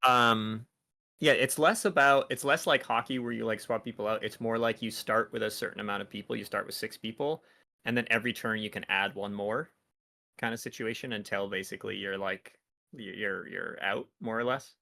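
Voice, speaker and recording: Gravelly bright-voiced male dungeon master. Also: lowish voice, steady tone, brisk. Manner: loose, rambling, full of "like" and restarts. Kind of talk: casual tabletop game chat.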